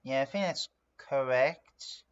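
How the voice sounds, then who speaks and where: A man's voice: medium pitch, slow, clean tone, highs cut off. A man from France, a native French speaker, chatting casually on a livestream as he works on a drawing, rambling with lots of fillers and narrating what he does. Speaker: streamer. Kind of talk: casual live-stream chat while drawing.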